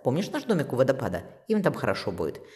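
A man voicing a brisk, practical woman who coaxes and urges, her voice raised higher and moving through a lively range. The reading carries a long echoing reverb. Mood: coaxing. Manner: brisk, coaxing. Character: brisk, warm-hearted grown woman.

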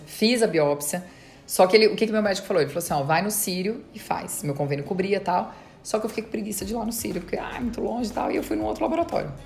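A woman guest on an interview podcast, casually recounting her story in a fast, chatty way and quoting past conversations. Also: lowish voice, a little mellow. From Brazil. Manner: fast, chatty retelling with quoted dialogue. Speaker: dentist and marathon runner.

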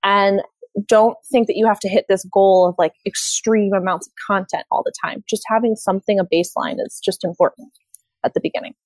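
A woman's voice: medium pitch, fairly even intonation, fairly quick, no echo, low-quality recording. A woman social media consultant giving advice in a podcast interview, explaining in a casual way with fillers like "you know" and "like". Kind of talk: conversational interview.

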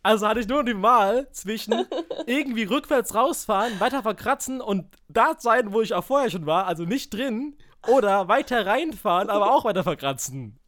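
A man telling a story in casual chat, animated, acting out quotes, swearing and laughing. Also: high voice, moderate pace. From village.

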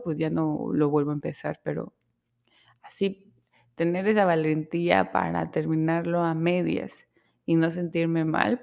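Gravelly woman, candid storytelling. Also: sits low, a little mellow. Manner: candid, emotional storytelling with self-quoted inner speech. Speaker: podcast host. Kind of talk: personal confessional monologue.

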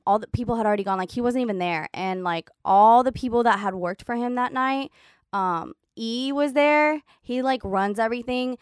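A woman's voice: medium pitch, smooth, no echo, studio quality. Profane, chatty woman telling a story. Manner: profane, animated, heavy use of "like". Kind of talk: casual storytelling chat.

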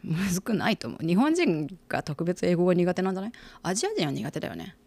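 A woman's voice: fairly low pitch, very animated, fast talker, darkish tone, no room sound. A woman co-hosting a casual chat, teasing and questioning with frequent nods. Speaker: podcast co-host.

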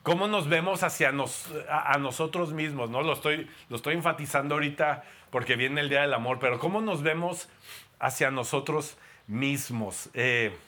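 A man's voice: mid-range voice, pushed and bright. A man with a Mexican Spanish accent, a pastor giving a playful, conversational sermon to a congregation in a church.

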